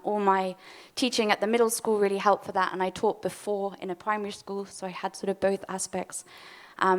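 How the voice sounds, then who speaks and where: A woman's voice: medium pitch, smooth. A British woman whose English carries a slight German tinge gives a friendly conference talk. She is a little out of breath, with a mid-range voice and fillers between her sentences. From Britain. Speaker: program lead.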